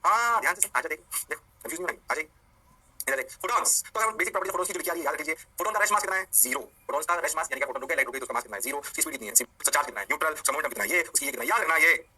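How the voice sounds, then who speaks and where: A man teaching a physics lecture, animated and playing both sides of a call-and-response with his students. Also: on the high side, rapid-fire, slightly rough, poor audio. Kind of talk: energetic classroom lecture.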